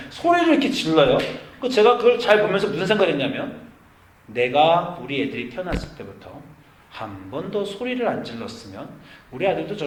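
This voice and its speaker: A middle-aged man preaching a sermon as pastor, his delivery swinging from near-shouting to hushed. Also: on the high side. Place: church sanctuary. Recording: echoey church room.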